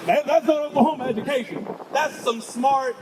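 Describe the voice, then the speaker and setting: A man's voice: very high voice, fairly quick, background noise. A man preaching on a city street, firing questions at his listeners and urging them on with 'come on'.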